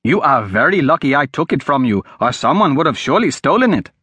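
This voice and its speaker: A man voicing an eager, wiry adolescent boy who wheedles and calls out loudly in an audiobook. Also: mid-range voice, sing-song, fairly quick, breathy edge, no echo, pitched above the performer's own voice, full character voice.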